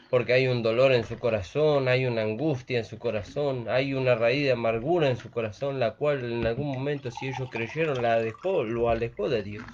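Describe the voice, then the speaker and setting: Earnest preacher, lo-fi sound. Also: male voice, mid-range voice, slight background noise. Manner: earnest, repeats phrases with frequent "¿vio?". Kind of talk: sermon. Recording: dull lo-fi recording.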